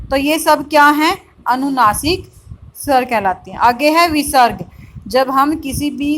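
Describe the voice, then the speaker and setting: A middle-aged woman teacher giving a grammar lesson, explaining slowly and asking rhetorical questions as she goes. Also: high voice, fairly bright tone, poor audio. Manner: slow, explanatory, repeats "theek hai" and asks rhetorical questions. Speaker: school teacher. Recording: faint background noise and clicks.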